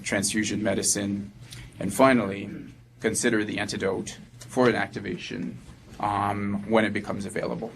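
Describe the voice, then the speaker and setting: A man's voice: fairly low pitch, creaky, slight background noise. A man with a French accent giving a medical lecture, hesitant and full of ums and uhs. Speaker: physician presenter.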